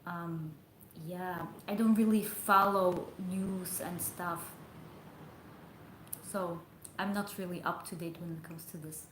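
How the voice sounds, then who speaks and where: Slow, hesitant woman streamer in echoey room. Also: fairly low pitch, steady tone, fairly bright tone, a little hiss or hum. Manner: rambling and hesitant, many fillers. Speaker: livestreamer. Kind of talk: casual livestream chat.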